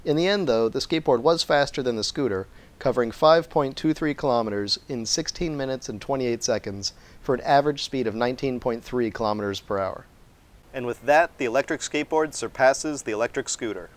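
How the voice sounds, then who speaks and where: An American man in his thirties presents a scripted review in the manner of an online explainer. His voice sits at a middling pitch for a man. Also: brisk. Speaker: vlogger and product reviewer.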